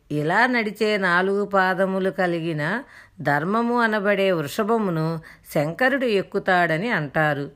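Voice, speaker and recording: A woman's voice: fairly low pitch, a bit bright. A woman giving an earnest, explanatory devotional discourse, retelling a scripture story with quoted dialogue. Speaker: spiritual storyteller.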